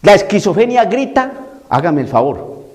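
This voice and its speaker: A man's voice: high-pitched, big pitch swings, normal speed, a little mellow. A man preaching a sermon, emphatic and repetitive, mocking the views he argues against.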